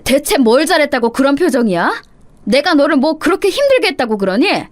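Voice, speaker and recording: Shrill, bossy old mother-in-law, loud and cutting, read by a woman narrator. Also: very animated, a little fast. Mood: scornful. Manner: shrill, berating, sharp-tongued. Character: harsh scolding elderly mother-in-law. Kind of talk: dramatized story reading.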